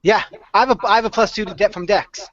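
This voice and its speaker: Joking man player, slightly high voice. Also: quick pace, crowd noise. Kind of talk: casual tabletop game play. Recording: dry, dull lo-fi recording.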